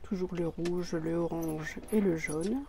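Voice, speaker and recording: A woman explaining a craft project step by step while she works, hesitant, with many pauses and restarts. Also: lowish voice, fairly even intonation, mellow, a little hiss or hum. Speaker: crafting tutorial presenter.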